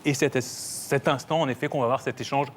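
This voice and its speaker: A man speaking as a talk-show guest, measured and insistent, careful to set the record straight. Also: mid-range voice, fairly even intonation, slight background noise. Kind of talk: earnest talk-show exchange.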